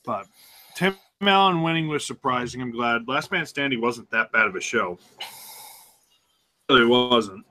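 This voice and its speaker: A man's voice: mid-range voice, expressive, moderate pace, long pauses, bright, forceful tone. A man co-hosting a casual chat, talking while eating, offhand and blunt. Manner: talks while chewing, offhand. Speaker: co-host.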